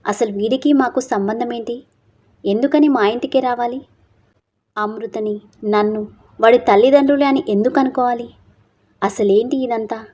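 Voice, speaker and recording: This is an anxious young father in a read-aloud story, voiced by a woman narrator. He questions himself in a worried, searching way and seems lost in thought. The voice sits slightly high. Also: steady tone, normal speed, pauses often, dark tone, natural voice. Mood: brooding.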